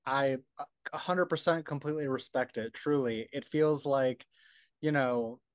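A man's voice: medium pitch, unhurried, smooth, no echo, clean studio sound. A man interviewing a guest in a friendly, agreeable way, with casual fillers.

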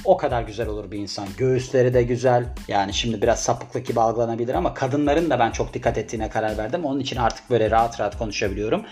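A man's voice: mid-range voice, rapid-fire, hardly any pauses, a little mellow, soft background music. A young man talking casually and rambling through a biography video, with jokey asides and bits of talking to himself. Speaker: vlogger presenting a celebrity biography. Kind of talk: casual chatty monologue.

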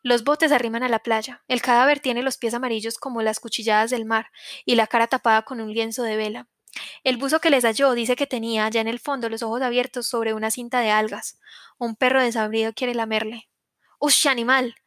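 A woman reads a literary story aloud in a measured, solemn way. Her voice is fairly high. The recording is close and dry, with no room sound. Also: steady tone, fairly bright tone, no echo. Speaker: narrator.

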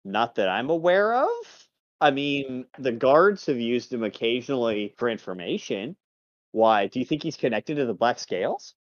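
A man doing a shrewd captive spy, steady and measured in his answers. The sound is dull and lo-fi, with a very dry, close feel. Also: mid-range voice, no echo, close to an everyday voice. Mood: matter-of-fact. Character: shrewd male captive spy, calm and loyal to his lord. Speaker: game master. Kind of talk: tabletop role-play.

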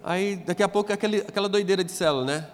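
A man's voice: high voice, quick pace, a little hiss or hum. Pastor telling his testimony. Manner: storytelling, acting out dialogue. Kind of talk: testimony sermon. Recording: reverberant hall with soft music.

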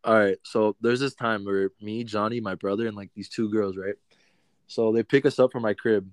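A man's voice: on the low side, steady tone, moderate pace, clear, resonant tone, dry recording. A young man hosting a casual podcast, talking in slang, swearing and laughing a lot. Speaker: podcast host. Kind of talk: casual chat.

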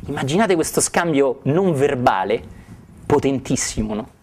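A man giving a spiritual talk, retelling a sacred story with marveling, warm asides to his listeners. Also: mid-range voice, lively intonation, moderate pace, a little hiss or hum. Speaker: spiritual teacher.

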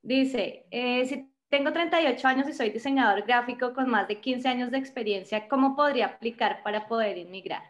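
A woman's voice: on the high side, fairly quick, few pauses. A woman reading a viewer's question aloud. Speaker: question reader.

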